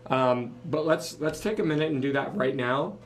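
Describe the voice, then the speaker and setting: A man co-hosting a live business podcast, hoarse from losing his voice, upbeat and joking as he runs through the agenda. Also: fairly high pitch, expressive, normal speed. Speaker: podcast co-host.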